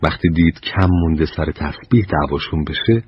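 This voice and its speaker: A man giving scripted narration of short anecdotes, measured and slow, his line endings trailing off softly. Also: rumbling low, muffled recording.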